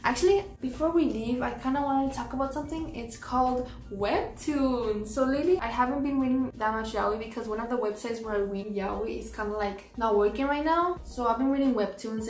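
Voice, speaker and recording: In a casual try-on vlog, a teen girl with a faint Mexican accent rambles on about her outfits, chatty but tired and laid-back, her pitch fairly high. The small bedroom and a camera placed across the room make for a distant, roomy recording, with quiet music in the background.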